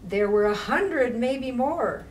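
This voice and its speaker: A fairly high-pitched woman reads a rhyming story to young children at the library, expressive and unhurried, deliberate in delivery, with casual remarks along the way. She's some distance from the microphone, and slight noise sits behind her.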